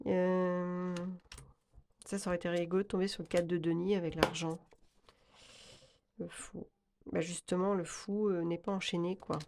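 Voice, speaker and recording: A woman's voice: fairly low pitch, darkish tone. A woman hosting a casual tarot video, chatty and hesitant with many fillers and laughs. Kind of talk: casual chat about tarot cards.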